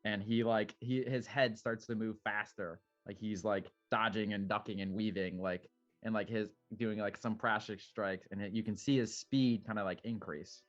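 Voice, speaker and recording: A man with a fairly low voice plays a tabletop role-playing game. He describes the action informally and haltingly. The mic is dull and faint music sits behind him. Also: fairly even intonation. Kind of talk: improvised tabletop game narration.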